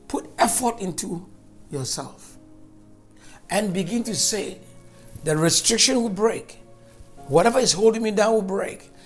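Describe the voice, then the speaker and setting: A preacher giving a fervent, emphatic sermon and spoken prayer, repeating phrases for stress. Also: medium pitch.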